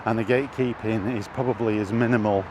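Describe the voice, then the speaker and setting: Speaking quickly in a fairly low, steady voice, a middle-aged British vlogger thinks aloud as he walks around town, hesitating often over his words. Clear traffic and street sounds fill this noisy outdoor recording.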